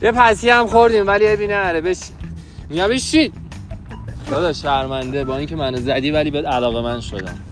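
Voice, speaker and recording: A young man doing a hidden-camera street prank outdoors in a park, with a brash, pushy, mock-scolding way of talking. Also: on the high side. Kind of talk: street prank, teasing banter. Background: background music.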